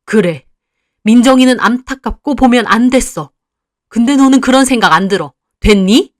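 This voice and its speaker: A woman's voice: mid-range voice, moderate pace, sharp tone, no room sound, studio quality, lightly acted. A woman voicing a cold, harsh middle-aged mother who scolds her daughter with contempt.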